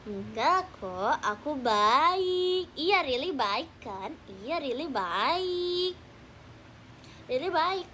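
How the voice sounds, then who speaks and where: Teen girl livestream host, high pitched, playful teasing chatter with fans. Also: big pitch swings, extremely slow, pushed and bright, slight background noise. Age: teens. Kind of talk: casual livestream chat with viewers. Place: at home at night, keeping voice down.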